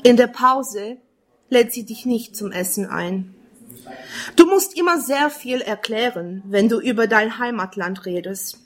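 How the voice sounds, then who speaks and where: A woman's voice: fairly high pitch, animated. Woman reading spoken-word poetry. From Romania. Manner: measured, earnest, second-person address.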